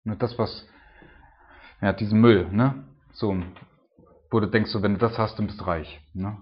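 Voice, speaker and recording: A man's voice: lowish voice, steady tone, normal speed, breathy edge, dull audio. A man preaching a casual, conversational sermon, often tagging his sentences with little checks to his listeners. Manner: conversational, frequent tag "ne?" and "so".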